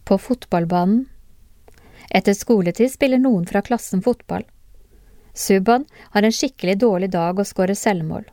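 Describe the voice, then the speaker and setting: A woman narrating a lesson in a calm, measured way, her voice mellow and soft-edged. The sound is dry and close, with no room around it, and she keeps turning to ask the listener questions. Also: mid-range voice, dry recording. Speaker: narrator of classroom discussion cases. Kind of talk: scripted educational narration.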